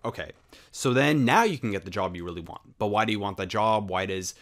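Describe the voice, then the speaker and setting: Alone on the mic, a young American podcast host talks off the cuff in a fairly low voice with lively intonation and a brisk pace. The monologue is loose and rambling, full of filler words, rhetorical questions, and casual cursing.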